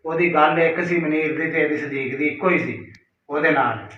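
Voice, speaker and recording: A man with a fairly high voice leaves a recorded personal message at a moderate pace, delivering an aggrieved monologue. He addresses someone directly, reproachful and emphatic, repeating himself. The call recording sounds roomy, distant and dull.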